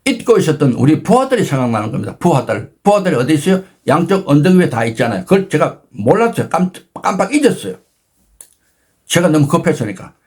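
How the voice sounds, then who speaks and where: Guy in his 60s, husky voice, kinda high, tells his story big and dramatic. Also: very animated, fast, darkish tone. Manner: dramatic, emphatic retelling with sudden pitch jumps. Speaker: channel host telling a personal story. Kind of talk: animated storytelling talk.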